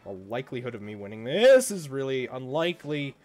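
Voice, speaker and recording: Male game streamer, sick, self-mocking, very animated pitch. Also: a little fast, faint music behind. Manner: groaning, self-mocking complaints. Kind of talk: casual game-stream chat.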